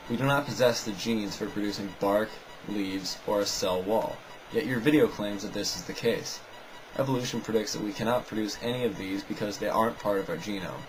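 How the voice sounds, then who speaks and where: A man with a fairly low voice narrates a scripted, argumentative rebuttal of another video, sounding sarcastic and dismissive. The audio is poor.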